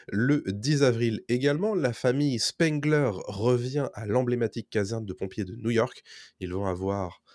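A man's voice: mid-range voice, darkish tone, dry recording, clean studio sound. A man co-hosting a casual podcast, reading out new releases and adding enthusiastic asides. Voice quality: enthusiastic, nostalgic. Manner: reads listings then riffs. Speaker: podcast co-host presenting release picks.

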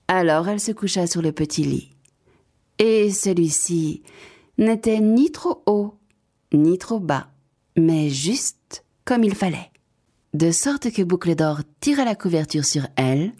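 A woman reading a fairy tale aloud to young children, expressive and playful, speaking to her listeners directly. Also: medium pitch. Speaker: storyteller. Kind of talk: bedtime story reading for children.

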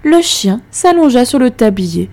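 A woman telling a fairy tale in calm, expressive scripted narration. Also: on the high side, a little slow. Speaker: storyteller.

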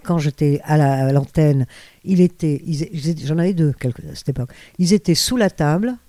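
Speaking a little fast in a low-pitched, dark-toned voice, a former radio host, now older, rambles through stories during an interview, often hesitating and starting over. The recording has no room sound.

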